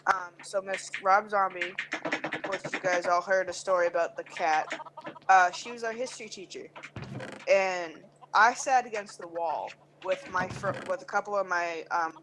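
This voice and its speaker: A woman's voice: lowish voice, steady tone, moderate pace. Rambling young woman telling a story on a noisy voice chat. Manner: rambling, filler-heavy, self-correcting. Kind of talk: casual storytelling over game chat. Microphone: headset mic on the shoulder. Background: chickens clucking.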